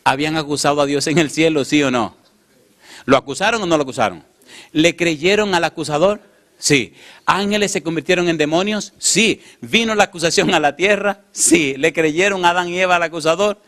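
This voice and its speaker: A man preaching a sermon, again and again asking the congregation "yes or no?" and swinging from loud calls to quiet, low storytelling. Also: normal speed. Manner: asks the congregation "yes or no?" over and over.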